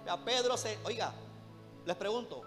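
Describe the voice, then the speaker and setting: A man's voice: sits high, lively intonation, normal speed. A man preaching a sermon, fervent and direct, who keeps addressing his listeners as brothers and peppers his talk with rhetorical questions. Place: church hall. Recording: long hall reverb with music behind.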